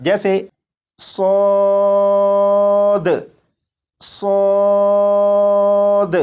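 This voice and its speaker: A man with a high-pitched, darkish voice teaches Quran recitation in a slow, step-by-step lesson on letters. He draws out each chanted letter sound in drills for the student to repeat. Patient, he repeats each point and pauses for the student.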